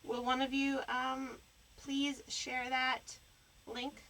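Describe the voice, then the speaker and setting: A woman's voice: high-pitched, little pitch movement, slow, a bit bright, a little hiss or hum, poor audio. A woman hosting a live stream, teasing her guest and rambling with fillers in casual banter. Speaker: stream host.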